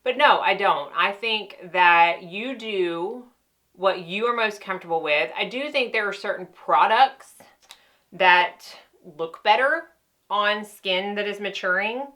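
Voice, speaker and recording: A woman's voice: mid-range voice, unhurried, pushed and bright. A chatty woman, a makeup artist answering viewer questions in casual chat while doing her makeup. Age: 30s. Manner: chatty, conversational, with frequent fillers.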